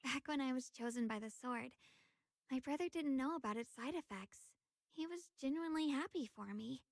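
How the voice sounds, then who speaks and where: A wistful young sword wielder. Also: female voice, sits high, moderate pace, dry recording, studio quality. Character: young woman sword wielder, earnest, recalling her brother. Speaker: game character. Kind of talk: voiced game dialogue.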